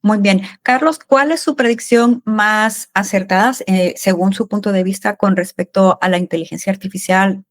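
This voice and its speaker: A woman's voice: mid-range voice, normal speed, few pauses. A woman hosts a business podcast, putting polite, formal questions to her guest. Her voice sounds dry and close, with no room echo around it. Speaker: podcast host. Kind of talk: interviewing a guest.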